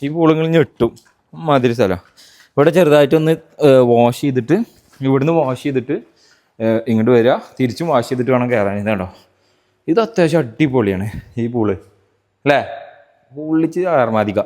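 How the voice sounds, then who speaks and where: A man's voice: medium pitch, a little fast, long pauses, darkish tone, no room sound, clean studio sound. A man with a Malayali accent giving a casual, chatty walking-tour vlog, mixing English words into Malayalam as he talks to viewers and companions. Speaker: vlog host.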